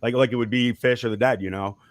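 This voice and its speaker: A man of medium pitch talks about his music in a loose, rambling way, breaking off and restarting his thoughts and laughing lightly. The sound is dry and close, with no room around it. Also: steady tone, quick pace, no room sound. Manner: rambling, chuckling, frequent restarts. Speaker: musician guest. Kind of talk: casual interview talk.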